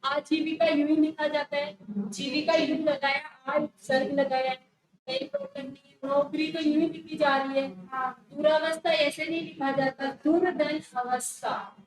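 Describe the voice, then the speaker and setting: High-pitched woman teacher reviewing a test, corrects firmly and repeats words, echoey room with faint hiss. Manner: correcting students firmly, repeating the word under discussion. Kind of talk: exam prep lesson going over a test.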